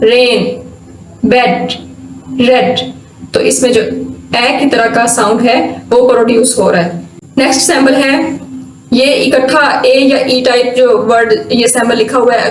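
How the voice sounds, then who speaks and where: A woman teaching English vowel sounds, speaking slowly and repeating each example word with care. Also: high-pitched, far from the mic. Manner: slow, careful, repeats example words. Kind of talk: explaining lesson in Urdu with English examples. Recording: echoey room, voice from off the mic.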